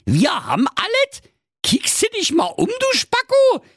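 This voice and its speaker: A man's voice: very high-pitched, wildly swooping pitch, a little slow, a bit bright, no echo, studio quality, voice pushed up, exaggerated voice. A man voicing a greedy, lazy wife who nags and insults her husband. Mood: nagging. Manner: bossy, insulting, crude. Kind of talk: comic fairy tale reading.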